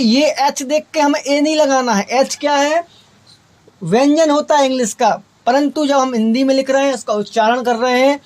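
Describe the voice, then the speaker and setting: A woman with a high voice gives an explanatory grammar lesson. She poses questions to her students, answers them herself, and keeps checking in with a quick "okay". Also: darkish tone. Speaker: English grammar teacher.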